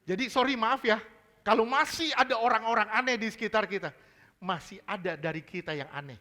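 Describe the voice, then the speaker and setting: Slightly fast and high, this man's voice sounds pushed and bright as he preaches to a church congregation. The pastor delivers his sermon emphatically, mixing in casual slang and firing the same questions at the listeners again and again.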